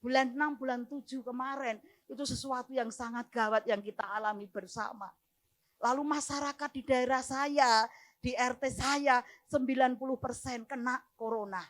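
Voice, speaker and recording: High-voiced Javanese woman preaching emotionally. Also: steady tone, normal speed. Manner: emotional, laughing and near tears as she retells. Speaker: church minister. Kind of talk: testimony sermon.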